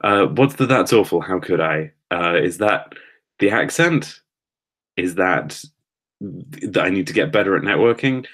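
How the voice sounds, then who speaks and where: Nervous, rambling man, deep voice. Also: lively intonation, measured pace, fairly bright tone. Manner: nervous, rambling, self-deprecating. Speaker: streamer. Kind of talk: casual chat reading live comments.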